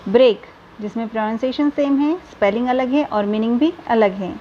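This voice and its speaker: A woman teacher giving a grammar lesson, reading English definitions slowly and then explaining them in Hindi. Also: a little high, dull audio, a little hiss or hum.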